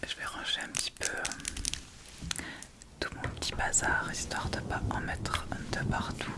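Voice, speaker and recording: Whispering softly without voicing her words, an ASMR creator talks through applying makeup. The phrasing stays relaxed and unhurried, with an informal, hesitant feel.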